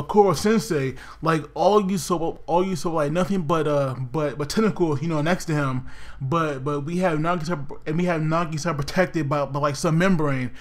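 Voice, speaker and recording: A man casually reviewing an anime episode, rambling with many fillers and restarts. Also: on the high side.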